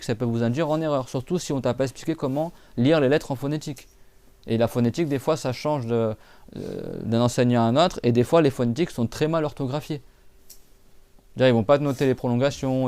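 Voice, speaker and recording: Guy teaching recitation, smooth clear voice, dead dry sound, chatty with lots of fillers. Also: medium pitch, darkish tone, no room sound. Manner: patient, repeats and drills sounds; casual spoken French with many fillers. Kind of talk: live class explanation.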